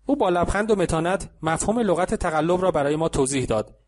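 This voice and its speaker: Calm, slightly higher-voiced male narrator. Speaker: audiobook narrator. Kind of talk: scripted audiobook narration.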